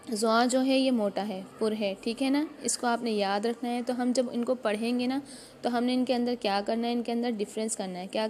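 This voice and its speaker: A woman teaching a Quran recitation lesson online, patiently explaining step by step, asking herself questions and slowly drawing out letter sounds to demonstrate. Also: fairly high pitch, a little mellow, slight background noise.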